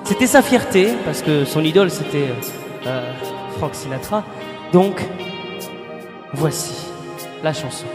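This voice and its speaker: High-voiced hesitant male singer. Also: very animated, a little slow, pauses often, music in the background. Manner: hesitant, many fillers. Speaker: singer guest. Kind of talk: casual radio interview chat. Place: radio studio.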